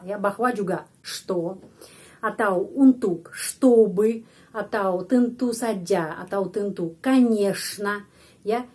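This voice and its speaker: Woman slowly modeling pronunciation as a teacher. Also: medium pitch. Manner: slow, deliberate, repeats words to model pronunciation. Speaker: Russian language teacher. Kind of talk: pronunciation lesson.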